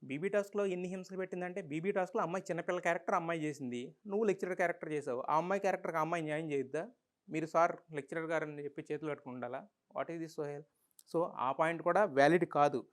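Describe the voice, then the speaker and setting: A man's voice: on the high side, very fast. A man with a Telugu accent giving an opinionated, argumentative review monologue full of rhetorical questions. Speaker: reality show reviewer.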